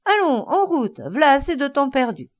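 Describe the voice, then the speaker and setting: A woman's voice: mid-range voice, big pitch swings, slow pace, husky, dry recording, exaggerated voice. A woman voicing a rowdy male country coachman with rustic peasant speech, wild with glee. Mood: gleeful shouting.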